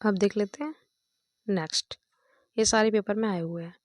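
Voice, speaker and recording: A woman's voice: medium pitch, steady tone, normal speed, dry recording. A woman chemistry teacher explaining step by step, counting aloud and checking in often with her students. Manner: counts out loud, checks with "thik hai" and "dekho".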